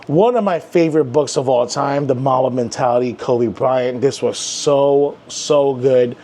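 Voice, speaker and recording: A man's voice: mid-range voice, normal speed, warm tone. Chatty young man touring his desk. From Filipino heritage. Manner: chatty, rambling, with many fillers. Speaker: comic channel host. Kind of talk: casual desk tour vlog.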